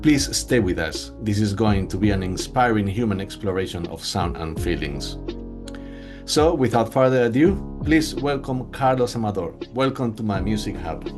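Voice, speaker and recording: A man's voice: lowish voice, animated, normal speed, over music. A man hosting an interview, asking formal, brief questions. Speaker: interview host.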